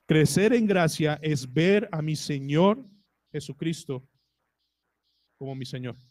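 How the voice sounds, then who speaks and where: A man's voice: on the high side, animated, takes it slowly, a little mellow, dry recording. A male pastor with a Colombian Spanish accent preaching a sermon to his congregation, asking them rhetorical questions. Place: church.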